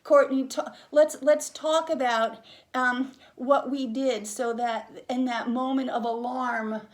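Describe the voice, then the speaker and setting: A woman with a somewhat high voice leads a candid interview. She talks in a frank, reflective way and leans on her words for emphasis, keeping it conversational. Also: fairly even intonation, takes it slowly. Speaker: interviewer and hospice patient.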